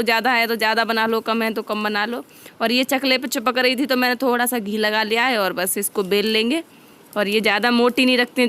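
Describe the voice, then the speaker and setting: A woman's voice: a little high, a bit bright, clean tone. A young adult woman chatting homely and directly to viewers as she narrates a casual home vlog. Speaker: vlogger.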